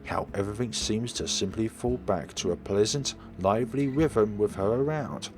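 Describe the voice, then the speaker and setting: Over music, a man with a lowish voice at a normal speed reads a visual novel aloud as a let's play host. He narrates in a dramatic first-person style, now and then stumbling over words.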